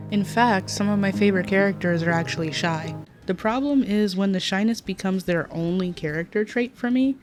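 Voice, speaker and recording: Candid self-mocking young woman vlogger. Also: fairly low pitch. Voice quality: says she sounds nasal. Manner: candid and self-mocking, swearing, laughing at own flubs. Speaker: anime commentary vlogger. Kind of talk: casual scripted commentary with outtakes.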